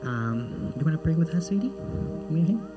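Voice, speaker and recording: With music underneath and poor audio quality, a Peruvian missionary talks in a church sanctuary, his slightly high voice brisk and sing-song. He is friendly and jokey at first before becoming earnest while leading prayer.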